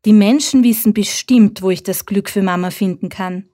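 A woman's voice: medium pitch, moderate pace, dark tone, natural voice. A woman doing an eager little fox boy. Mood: pleading. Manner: eager, pleading.

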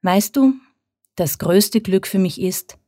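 A woman's voice: medium pitch, takes it slowly, no echo, clean studio sound, natural voice. A woman voicing a tender, loving mother fox in a bedtime story. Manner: gentle, loving.

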